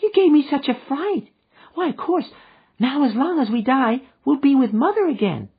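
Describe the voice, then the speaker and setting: A man voicing an innocent, thirsty little girl with a high childlike voice and a frontier dialect, in a storybook reading. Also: normal speed, breathy edge, phone-quality sound, exaggerated voice. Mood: eager.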